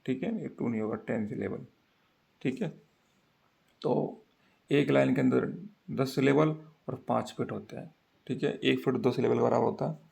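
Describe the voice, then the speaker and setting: A man's voice: mid-range voice, moderate pace, pauses often, a little mellow. A man teaching an exam-prep lecture, explaining step by step and repeating key facts for students to memorize. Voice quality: gravelly.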